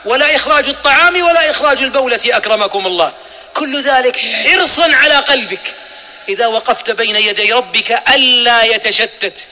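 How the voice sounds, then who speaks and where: A man preaches a sermon in a very high, bright and forceful voice. He talks emphatically, throws rhetorical questions at his listeners and acts out little exchanges. Long hall reverb rings out behind every phrase.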